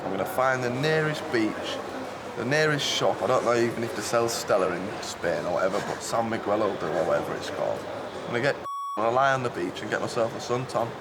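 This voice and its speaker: A man's voice: medium pitch, expressive, fast. A young man chatting casually and bluntly as an airline passenger, in a laddish way. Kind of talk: casual chat to a documentary crew. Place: busy airport. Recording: very noisy airport background.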